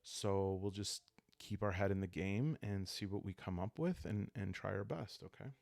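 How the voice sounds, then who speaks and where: The host of a solo roleplaying playthrough narrates in a relaxed ASMR style, thinking aloud in a hesitant, musing, unhurried way. His voice is very low, creaky and calm, recorded in a clean studio with no echo.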